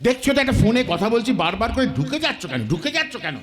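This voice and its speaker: A man's voice: very high voice, expressive, very fast, a bit bright. A man playing a flustered office employee bantering on the phone in a folk stage comedy.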